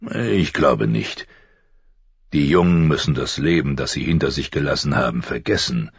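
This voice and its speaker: A man voicing a stern, weary old military commander with a deep, gravelly voice. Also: lively intonation, normal speed, no echo, muffled recording, exaggerated voice.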